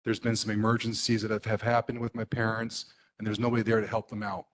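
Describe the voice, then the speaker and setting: A middle-aged man from the US mainland who sits on a neighborhood board speaks at a public meeting. His voice is lowish and monotone, and he talks haltingly, full of fillers and restarts.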